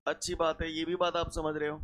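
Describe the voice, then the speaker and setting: A man's voice: on the high side, flat delivery, fairly quick, fairly bright tone. A man teaching a physics lesson to a class. He explains step by step with everyday examples, repeats key points, slips into rustic dialect words and keeps asking whether the students follow.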